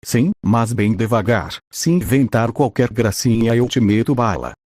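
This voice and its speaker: A man's voice: medium pitch, animated, measured pace, darkish tone, dry recording, clean studio sound. A man voicing an irritable armed thug who threatens and mocks in a menacing tone. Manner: menacing, mocking.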